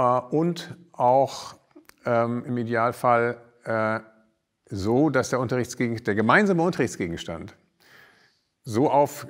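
Low-voiced man, formal expert explanation. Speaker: expert guest. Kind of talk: academic discussion.

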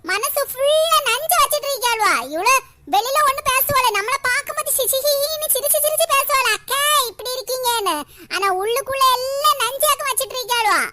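A woman voicing a loud, sharp-tongued village woman in a cartoon, scolding and sarcastic. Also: extremely high pitch, a little hiss or hum. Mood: complaining. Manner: scolding, sarcastic, rapid complaints. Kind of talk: animated cartoon voice acting.

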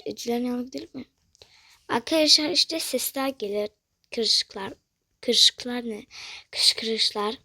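A young woman narrating and voicing characters in a toy-style game role-play, swinging between loud excited lines and hushed whispers. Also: a little high, a little slow, pauses often, no echo. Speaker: toca life roleplay creator.

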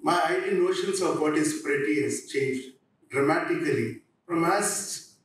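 A man in a reflective, halting way, often restarting. His voice sits a little high. It comes from a stage through heavy hall echo, at some distance, with faint noise. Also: expressive, fairly bright tone. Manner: halting, with frequent pauses and restarts. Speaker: theatre practitioner on a discussion panel. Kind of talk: reflective panel talk. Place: on stage in an auditorium. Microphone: handheld microphone. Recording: very echoey hall, distant, slightly noisy.

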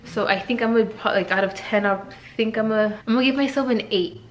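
A woman's voice: fairly high pitch, quick pace, slight background noise. A woman vlogging at home in a casual, chatty way, talking straight to her viewers. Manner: chatty, addresses viewers as "you guys". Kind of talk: casual vlog chat with sponsor read. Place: home room. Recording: echoey room.

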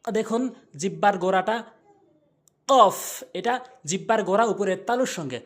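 Man drilling Arabic letter sounds. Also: high-pitched. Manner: slow and repetitive, demonstrating each letter sound several times. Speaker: Quran recitation teacher. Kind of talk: step-by-step pronunciation lesson.

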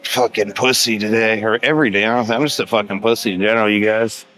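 A man's voice: fairly low pitch, steady tone, quick pace, fairly bright tone. A man in his thirties talking like a gym bro in a casual workout vlog, grumbling and self-deprecating, with profane slang. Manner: grumbling, self-deprecating complaints while working out. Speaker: fitness vlogger. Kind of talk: casual vlog chat to camera. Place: large gym, indoors. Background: music.

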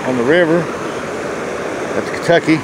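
Standing on a rocky riverbank, a middle-aged fishing vlogger talks in a relaxed, folksy, plain-spoken way, his voice on the high side. The audio comes from a phone held at arm's length, and rushing water and outdoor sounds make it noisy.

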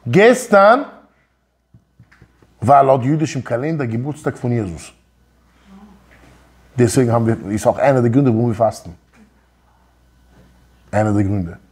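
A man's voice: medium pitch, expressive, a little slow, long pauses, breathy edge. A man in his thirties giving an emphatic Torah lecture, firing rhetorical questions and mixing in Hebrew words, recorded on a lapel mic in an office room. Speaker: Torah teacher. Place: office room with wooden wall.

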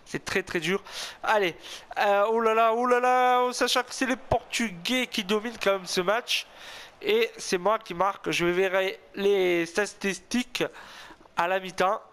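A young man from southern France doing solo commentary on a football video game, rambling between plays and bursting into repeated shouts at goals, his voice going hoarse. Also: sits high. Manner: excitable, shouts repeated goal calls, rambling asides. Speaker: gaming youtuber.

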